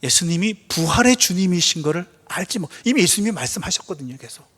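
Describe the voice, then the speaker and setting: A male pastor preaching a sermon, asking the congregation questions, answering them himself, and reading scripture slowly and softly. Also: high-pitched, very animated, slightly rough. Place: church sanctuary. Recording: long church reverb.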